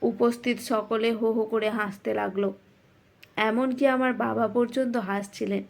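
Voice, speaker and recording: A woman's voice: on the high side, fairly even intonation, unhurried, creaky. Woman reading a reflective first-person story. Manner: reflective and self-mocking.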